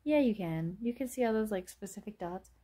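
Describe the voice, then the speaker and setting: A woman's voice: medium pitch, lively intonation, brisk, mellow. Woman in her twenties, late-night chatty vlogger, wandering and self-deprecating. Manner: rambling, self-mocking, many fillers. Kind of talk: casual late-night chat vlog.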